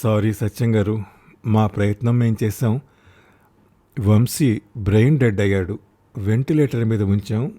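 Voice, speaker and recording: A man voicing a hospital doctor in a measured, plain delivery. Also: lowish voice, mellow. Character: calm hospital doctor, grown man, matter-of-fact.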